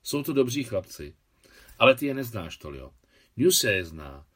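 A man voicing a brisk, commanding older woman in an audiobook, teasing and lively. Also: medium pitch.

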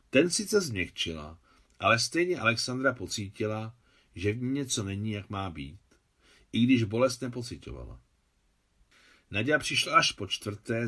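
A man narrating a novel aloud as an audiobook, in a measured literary reading. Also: on the low side, bright, forceful tone. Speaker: translator reading his translation.

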